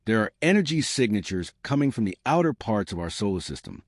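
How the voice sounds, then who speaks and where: A man voicing a quiet, focused female sensor officer on a starship in a sci-fi story. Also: fairly low pitch, big pitch swings, a little fast, dry recording, clean studio sound.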